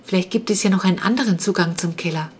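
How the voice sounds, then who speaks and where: A woman's voice: on the low side, fast talker, a little hiss or hum, close to an everyday voice. A woman voicing Jonas, a bold but grumpy boy, the older brother, in a storybook reading. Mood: steady. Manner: gruff, snapping.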